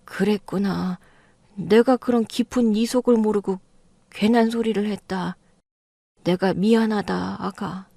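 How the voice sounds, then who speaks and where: A woman's voice: mid-range voice, fairly even intonation, unhurried, gravelly, mellow, no room sound, studio quality. Woman voicing a flustered old mother-in-law. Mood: apologetic. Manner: defensive, flustered, pleading. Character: older mother-in-law, stubborn then backpedaling. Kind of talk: audio drama reading.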